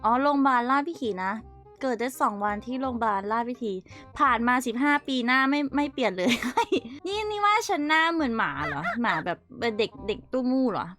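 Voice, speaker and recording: Giggly, chatty young woman with a high voice. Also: lively intonation, fairly bright tone, soft background music. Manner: giggly, chatty, frequent laughter and quick asides. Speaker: streamer. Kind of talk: casual storytelling while showing childhood photos.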